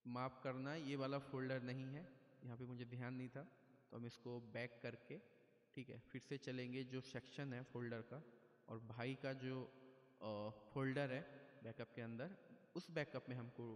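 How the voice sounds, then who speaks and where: A man's voice: medium pitch, fairly even intonation, normal speed. A man giving a casual step-by-step keyboard tutorial, explaining patiently and checking in with the viewer often. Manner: plain, patient explaining with frequent "theek hai". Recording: echoey room with long reverb.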